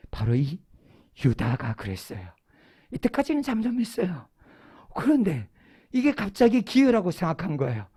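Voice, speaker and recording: Giving a Sunday sermon in a church sanctuary, a preacher with a mellow, mid-pitched voice that swings widely up and down keeps putting questions to the congregation. Each question is then answered in a storytelling style.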